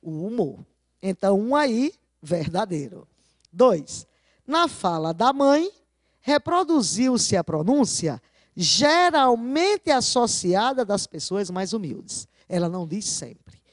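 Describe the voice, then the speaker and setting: A woman teacher going over exam answers in a video lesson, often asking her class rhetorical questions and slowly stressing key words. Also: mid-range voice, sing-song, no room sound, clean studio sound.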